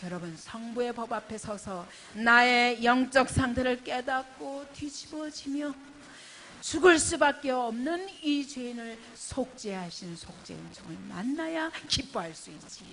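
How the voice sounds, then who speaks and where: A woman pastor preaches with fervent conviction, her fairly high, bright voice climbing and swelling on the key points, then dropping low and quiet. She sounds middle-aged. A faint background hiss sits under the recording. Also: unhurried. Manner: impassioned preaching with sharp rises in pitch and volume. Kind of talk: sermon. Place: church retreat hall.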